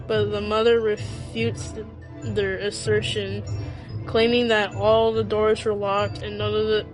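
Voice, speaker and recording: A woman reading a scripted story aloud as narrator, halting and often stumbling and repeating phrases. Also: mid-range voice, low-quality recording.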